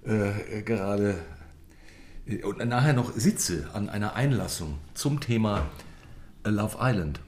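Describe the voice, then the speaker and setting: Man, lowish voice, casual chat, hesitant, searching for words. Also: expressive, takes it slowly, a little mellow, a little hiss or hum. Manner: hesitant, many fillers and restarts.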